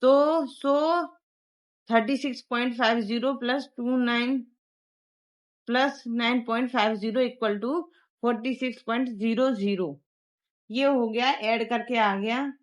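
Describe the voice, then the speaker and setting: A woman's voice: on the high side, steady tone. A woman with an Indian accent teaching a primary-school math lesson, explaining step by step and switching between Hindi and English. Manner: reads English textbook sentences very slowly. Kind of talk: explaining a textbook lesson to young pupils.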